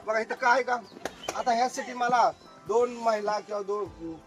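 A middle-aged magician works an outdoor farm crowd. His voice sits high for a man, and he is a joking showman who keeps calling for loud applause. Clear music plays behind him. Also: moderate pace. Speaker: magician performing for a tour group. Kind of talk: lively stage patter with crowd banter. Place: outdoors at an agro-tourism farm.

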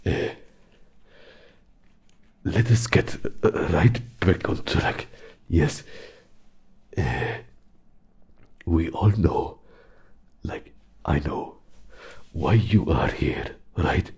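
A man voicing a soft, awkward fox interrogator in a whispered role-play, hesitant and confiding, with a breathy, gravelly voice. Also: extremely low pitch, lively intonation, full character voice. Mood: mildly flustered. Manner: halting, hesitant interrogator, gentle.

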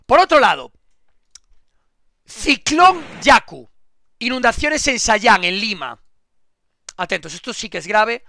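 A man giving casual live-stream commentary, swearing and repeating himself excitedly. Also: high voice, creaky, dry recording, clean studio sound.

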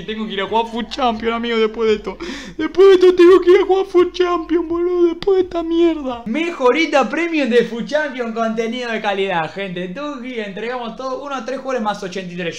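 A young man with an Argentine Rioplatense accent, commentating his own pack openings in a football game, excitable and swearing as he begs the game for luck. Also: high voice. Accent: Argentine Rioplatense Spanish. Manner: excitable, swearing, pleading with the game, outbursts of yelling. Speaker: gaming streamer. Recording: roomy echo.

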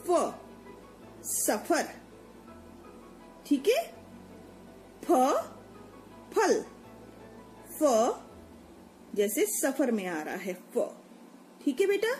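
High-pitched lady teacher going slow over letter sounds for little kids, soft music behind. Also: low-quality recording. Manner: patient, repeats sounds slowly, checks in with "theek hai?". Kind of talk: children's Hindi alphabet lesson.

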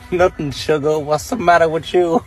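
A man's voice: on the high side, steady tone, unhurried, husky, low-quality recording. A man in joking, casual chat.

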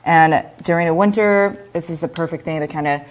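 A woman casually presenting her company's products, relaxed and laughing often between filler-heavy explanations. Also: deep voice, brisk. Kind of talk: casual product demo chat.

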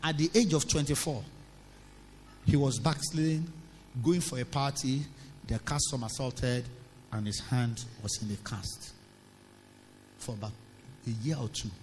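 A man preaching a sermon, telling stories and scolding in an animated way. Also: mid-range voice, a little slow, pauses often. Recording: reverberant hall with faint hum.

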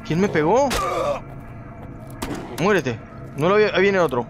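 A man giving let's play commentary, talking to viewers and shooting up in pitch when startled. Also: moderate pace, over music. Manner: excitable, talks to viewers, jumps high when startled. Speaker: gaming video host.

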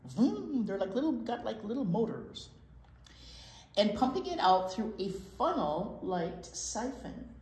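With a slightly high, slightly mellow voice, big pitch swings, and a measured pace, a woman in her sixties runs a casual children's storytime in a library children's room. She reads aloud expressively, repeating key words for emphasis. The room sounds slightly echoey, with faint noise.

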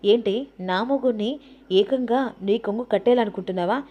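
A woman's voice: medium pitch, brisk, dull audio, close to an everyday voice. A woman voicing a jealous young woman who accuses and questions sharply. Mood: angry.

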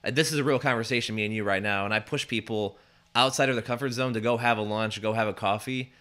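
Upbeat guest from Indiana, thirties, brisk and bright, lowish voice. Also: male voice, steady tone. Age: 30s. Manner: upbeat, quick, confident storytelling. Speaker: guest, networking group founder. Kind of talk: casual interview answers. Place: small radio studio. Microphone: studio mic on stand.

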